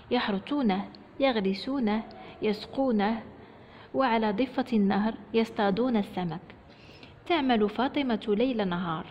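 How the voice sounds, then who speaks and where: A woman storyteller telling a tale to children, addressing them directly and warmly as she narrates. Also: medium pitch. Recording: dull echoey recording, faint noise.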